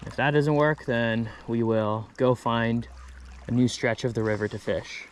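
A young man chatting casually to his camera outdoors by a river, relaxed and self-deprecating. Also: medium pitch, a little slow, slight background noise. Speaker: vlogger. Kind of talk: casual outdoor vlog narration. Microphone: action camera, handheld or chest-mounted.

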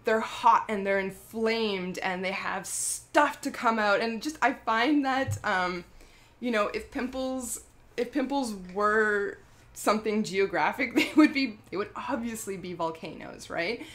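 A woman's voice: medium pitch, unhurried, a bit bright. A woman talking casually about her skincare product, chatty and rambling, with lots of fillers and self-corrections. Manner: laughs often mid-sentence. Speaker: skincare brand founder.

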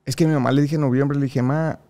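A young man with a Mexican accent, a podcast guest telling personal stories in a casual, lively way with frequent laughter. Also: medium pitch, quick pace. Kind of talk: casual interview storytelling.

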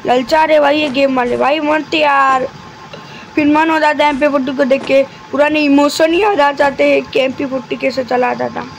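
A man giving live commentary over his mobile game, talking deliberately quiet and chatty, constantly addressing his viewers. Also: very high-pitched, fairly even intonation, gravelly, soft background music, poor audio. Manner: talks deliberately quiet and soft; chatty, keeps addressing viewers as guys and brother.

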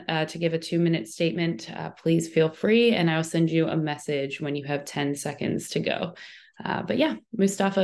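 A woman with a slightly low voice hosts a community meeting on a video call. She moves briskly and cheerfully from one speaker to the next. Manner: upbeat, quick transitions. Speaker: meeting host. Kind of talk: moderating an online meeting.

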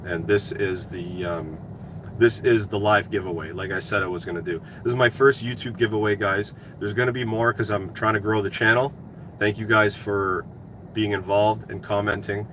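Speaking from a parked work truck cab, a trade YouTuber in his thirties runs a giveaway and chats casually with his livestream audience. His lowish voice is fairly bright, with fairly even intonation and a moderate pace. The phone at arm's length captures clear vehicle and outside noise.

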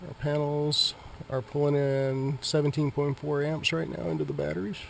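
A man's voice: fairly high pitch, moderate pace, vocal fry. Man vlogging in a motorhome with noise behind. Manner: relaxed, chatty, reads out numbers from the panels. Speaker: RV owner vlogging his camping trip. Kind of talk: casual handheld vlog tour. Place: inside a parked motorhome, small room. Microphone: handheld wide-angle action camera.

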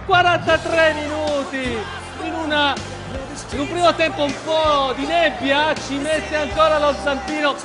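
A man in his thirties with an Italian accent giving breathless, ecstatic football goal commentary, shouting frenziedly with drawn-out names and rattling syllable bursts. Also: very high voice, level tone. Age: 30s. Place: TV studio. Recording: roomy studio, loud music and crowd noise.

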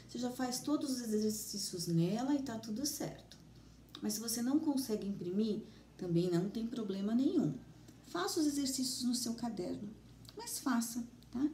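A woman teacher with a Brazilian Portuguese accent giving a remote lesson to children, gentle and encouraging, speaking slowly and clearly. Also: a little high. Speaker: primary school teacher. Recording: roomy, distant mic with faint ambient noise.

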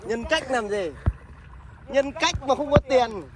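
A man's voice: very high voice, lively intonation, slow pace, distant mic, crowd noise, exaggerated voice. A man voicing an arrogant, rich male skeleton who taunts his ex-lover and brags about money, in a fan audio drama. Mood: sneering. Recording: noisy homemade recording.

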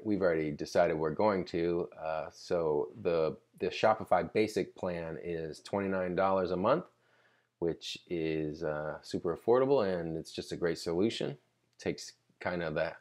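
A man presents a casual, unscripted screen-recording tutorial in a low, slightly mellow voice. He explains things conversationally, pausing mid-sentence to think.

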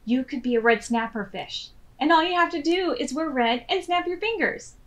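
A woman voices a fretful, bossy young male storybook character, emphatic and dramatic, in a high, animated voice pitched above her own. She speaks at a moderate pace, and the mood is urgent and persuasive.

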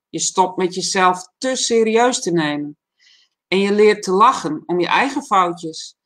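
Woman, show host; steady mid-pitched voice, calm and measured reading with pauses, relaxed chat with viewers. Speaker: host of a livestream talk show. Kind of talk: reading a reflective text aloud, then casual chat.

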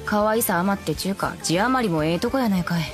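A woman's voice: mid-range voice, lively intonation, fast talker, close to an everyday voice. Straight-man role: actress playing a blunt Kansai woman, snappy comebacks, faint music behind. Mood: scolding. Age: adult. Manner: sharp retorts, straight-man scolding. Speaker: commentary co-host. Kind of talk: in-character anime commentary.

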